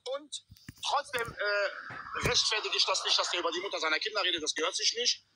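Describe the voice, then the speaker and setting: A man's voice: sits high, lively intonation, brisk, noisy background. A middle-aged man chats in slang on a livestream by phone, insistent and full of oaths. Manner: insistent, swearing oaths, repetitive. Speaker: guest on a livestream. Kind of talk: casual slangy livestream chat. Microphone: handheld phone on a video call.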